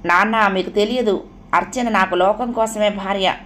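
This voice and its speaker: A woman's voice: medium pitch, steady tone, moderate pace, a bit bright, a little hiss or hum, close to an everyday voice. Woman reading as an anguished young husband in an audio novel, pleading, emotional. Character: distraught young married man, anguished.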